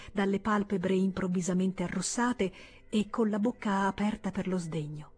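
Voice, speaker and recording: A woman from Italy reading a classic novel aloud in a measured, expressive audiobook narration. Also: medium pitch, slightly rough. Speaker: audiobook reader.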